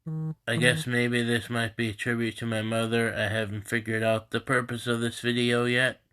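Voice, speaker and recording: A man with a stuffy, congested nose, talking in a halting, rambling way on a casual live stream from home into his phone. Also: medium pitch, monotone, bright, forceful tone, clean tone. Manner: halting and rambling, many restarts. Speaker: host of a live group stream. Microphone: phone camera.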